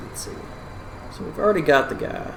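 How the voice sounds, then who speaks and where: A man's voice: fairly high pitch, a little fast, creaky, background noise. A man doing casual gameplay commentary, muttering and thinking aloud as he plays. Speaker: gamer playing and commenting. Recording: roomy echo, game music behind. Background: video game music.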